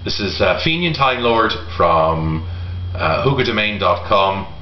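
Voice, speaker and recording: A middle-aged man giving a casual product review to camera in a halting way, pausing often. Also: lowish voice, expressive. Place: home kitchen, indoors. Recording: roomy echo, dull sound, faint noise.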